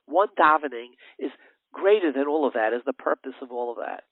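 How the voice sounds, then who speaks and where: A man hosting a religious radio talk show, telling a story with lively swings between loud emphasis and hushed narration. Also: mid-range voice, fairly quick, dry recording. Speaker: radio host. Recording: narrow phone-line sound, dry.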